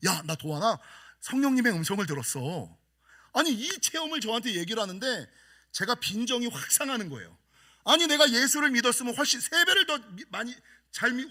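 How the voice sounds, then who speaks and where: High, animated pastor preaching a sermon. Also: male voice. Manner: lively storytelling with self-mocking humor. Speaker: senior pastor.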